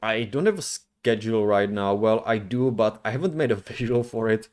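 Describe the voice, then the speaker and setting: A man chatting casually as the host of a livestream, rambling in a slangy, halting way. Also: fairly low pitch, a little mellow. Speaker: streamer, VTuber host.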